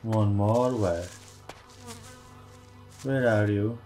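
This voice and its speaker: A man's voice: lowish voice, very slow, mellow, soft background music. A man giving casual gameplay commentary, muttering short reactions as he plays. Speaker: let's play gamer.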